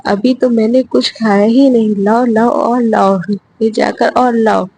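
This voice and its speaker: A woman's voice: on the high side, fairly even intonation, a little slow, vocal fry, a little mellow, breathy edge, no echo, full character voice, low-quality recording. A woman doing a greedy fat customer. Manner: greedy, demanding more food.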